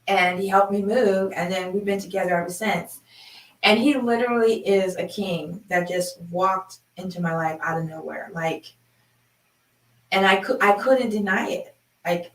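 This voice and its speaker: A woman in her fifties telling a personal story in a chatty, animated way, laughing along as she talks. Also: on the low side. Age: 50s. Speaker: sound healing host. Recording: roomy, from a distance.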